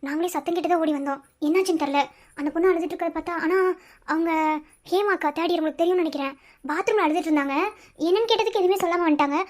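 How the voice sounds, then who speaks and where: Lady voicing a fretful cartoon college girl, very high, rushed. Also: darkish tone. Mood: worried.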